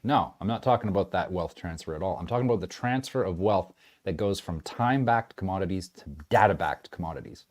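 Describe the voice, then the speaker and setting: A man giving casual, animated trading commentary, rambling and often restarting his sentences. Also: low voice. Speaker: market commentator.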